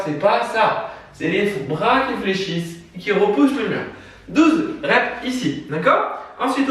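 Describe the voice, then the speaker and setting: A man coaching a home workout class, counting out moves and giving brisk instructions, out of breath. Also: high-pitched, fairly bright tone. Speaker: fitness coach. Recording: echoey room, far from the mic.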